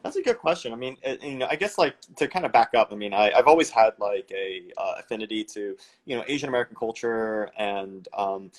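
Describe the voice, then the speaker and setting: A man in his thirties from the San Francisco Bay Area answers questions over a video call. His voice sits a little low, and he rambles casually, full of "you know", "like" and false starts. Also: animated, brisk, few pauses. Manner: rambling, with many fillers and restarts. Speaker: guest, company founder.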